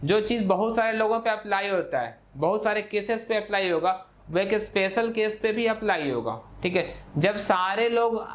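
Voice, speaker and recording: A man's voice: sits high, expressive, normal speed, hardly any pauses. A man teaching a math class, explaining step by step in a patient lecture style, often checking in with "okay" and switching into for key terms. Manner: explanatory, repeats "ठीक है" often, mixes English terms in.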